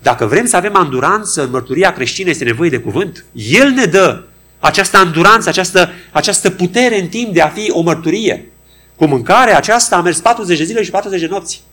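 A man preaching a sermon in a fairly high, very lively voice. He swings his pitch widely and acts out quoted dialogue in changing voices.

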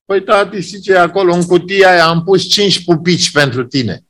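A man voicing an eager five-year-old child calling to his father in a high, excited voice. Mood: tender.

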